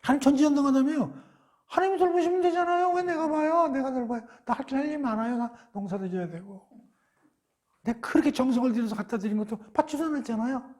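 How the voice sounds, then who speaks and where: A man's voice: extremely high pitch, fast, voice pushed up. Cain, a man doing a defiant young talker-back. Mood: defiant, resentful. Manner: sulky, insolent, sharp retorts.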